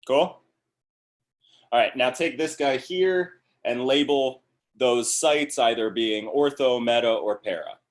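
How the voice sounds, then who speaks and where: Upbeat male lecturer running a class review, mid-pitched, asking quick check questions. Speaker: chemistry lecturer.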